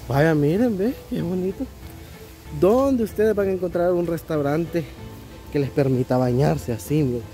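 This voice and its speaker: Salvadoran male travel vlogger, enthusiastic, high-ish mellow tone, faint music bed. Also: measured pace. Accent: Salvadoran Spanish. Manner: chatty, enthusiastic, laughs often. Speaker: vlogger host. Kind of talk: casual travel vlog. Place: outdoor riverside restaurant.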